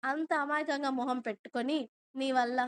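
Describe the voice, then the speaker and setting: A woman's voice: sits high, fairly even intonation, moderate pace, lightly acted. A woman voicing an arrogant, careless young husband who talks brusquely and teases, reading him in a storybook telling. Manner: brusque and teasing.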